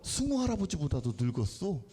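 A man's voice: fairly high pitch, big pitch swings, brisk, dark tone. A man, a pastor, giving a playful children's sermon, quizzing and teasing the kids in a church. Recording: echoey church hall.

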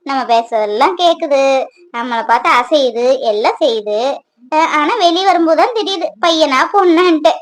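A woman's voice: extremely high pitch, fairly bright tone, dry recording. A woman voicing a chatty, playful pregnant young wife in a cartoon, who talks to her unborn baby.

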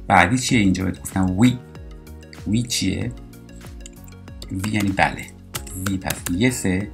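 A man teaching a recorded French lesson, explaining pronunciation and slowly repeating example words. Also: on the low side.

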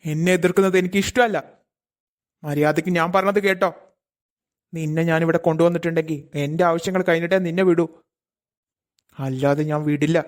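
An actor voicing a possessive, cruel adult male abductor in a cartoon. He speaks, coaxing and threatening in a slow, insistent way. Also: mid-range voice, steady tone, lightly acted. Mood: menacing. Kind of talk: cartoon voice acting. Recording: music playing faintly underneath.

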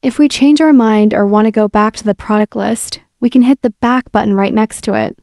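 A woman's voice: on the high side, brisk, no room sound, clean studio sound. A woman giving a casual, friendly, step-by-step voice-over walkthrough of an app. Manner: relaxed, friendly step-by-step explaining. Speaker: software demo presenter. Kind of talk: casual screen-recorded software walkthrough. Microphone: voice-over mic.

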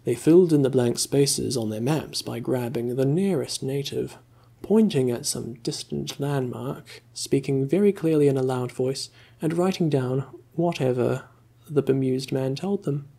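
A man reading a story aloud in a slow, calm, soothing ASMR voice, close to the mic. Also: medium pitch, vocal fry, breathy edge. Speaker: ASMR reader.

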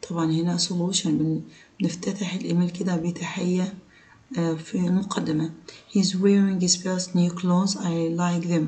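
Mellow-voiced Egyptian woman teaching English. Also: lowish voice, poor audio. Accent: Egyptian Arabic. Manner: switches between Arabic and English, slow on English sentences. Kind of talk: explaining vocabulary exercises.

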